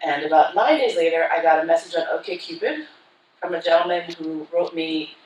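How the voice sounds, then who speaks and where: In a roomy conference hall, a woman delivers a keynote to a live audience, her lowish, darkish voice heard from a distance at normal speed. She tells her own story frankly, comically and with profanity, acting out lines she once said.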